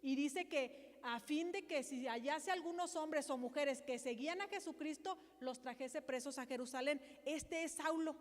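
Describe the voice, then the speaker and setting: A woman's voice: high voice, in a large hall. A woman pastor preaching a sermon, reading Bible verses aloud and putting direct questions to her listeners.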